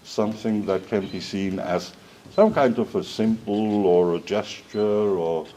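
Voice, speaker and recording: A man opens a panel discussion in a slow, halting way, pausing often between phrases. His voice sits a little low, with faint background noise behind it. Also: warm tone, low-quality recording. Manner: unhurried, hesitant with fillers. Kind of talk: opening remarks at a panel.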